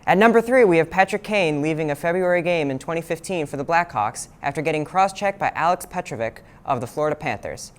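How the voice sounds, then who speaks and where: Young man, sports reporter, scripted narration, animated, big swoops up on each new item. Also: on the high side, fast talker, few pauses, smooth. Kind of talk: scripted news package narration.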